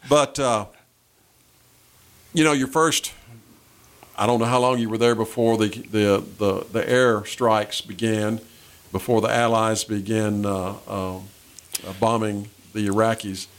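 A man with a Southern US accent hosting a conversational radio interview, halting and repeating phrases as he goes. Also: lowish voice, fairly even intonation.

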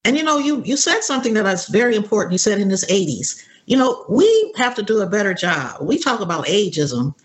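A seventy-year-old woman appears as a guest on a radio talk show, chatting casually and upbeat and often breaking into laughter. Her medium-pitched voice is sing-song and a little fast, with hardly any pauses.

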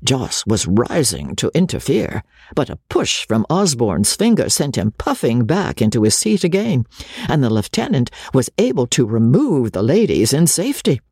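A man's voice: medium pitch, huge pitch swings, moderate pace, a little mellow, slightly rough, no echo, studio quality. A man narrating a classic novel aloud with a dramatic, swooping delivery. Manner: dramatic, swooping delivery with many character voices. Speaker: audiobook narrator. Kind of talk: expressive literary narration.

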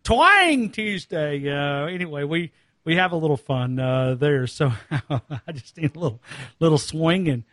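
A man's voice: on the high side, moderate pace, dry recording, clean studio sound. A man from North Alabama co-hosting a sports radio show, chatting casually, laughing and restarting his words.

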